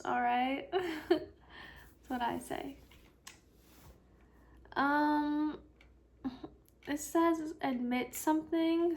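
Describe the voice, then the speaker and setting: A woman hosting her own podcast, chatting casually and rambling with lots of fillers, sounding sleepy and yawning. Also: high voice. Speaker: podcast host. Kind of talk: casual solo podcast chat.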